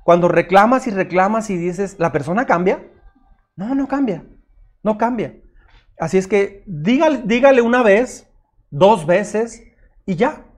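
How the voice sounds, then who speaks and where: A man's voice: high-pitched, expressive, unhurried. A middle-aged man, preaching a sermon as pastor in an earnest, direct way. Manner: earnest, direct, addresses listeners as usted, acts out their objections.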